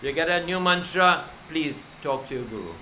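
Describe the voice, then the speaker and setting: A man's voice: a little high, lively intonation, moderate pace, bright, forceful tone, a little hiss or hum, poor audio. A male pundit preaching a devotional sermon, telling scripture stories and exhorting the devotees. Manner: exhorting, storytelling, addresses devotees.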